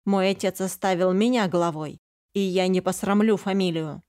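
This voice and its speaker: A woman voicing a proud, headstrong young boy dragon, speaking in a high, excited and indignant voice. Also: normal speed, dry recording, studio quality, close to an everyday voice. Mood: defiant.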